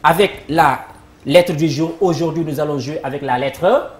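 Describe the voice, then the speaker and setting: Moderately paced and low-pitched with a slightly mellow tone, this woman hosts a live word game on TV. She plays the upbeat announcer, speaking to viewers and cueing applause, in a studio that echoes and carries faint noise.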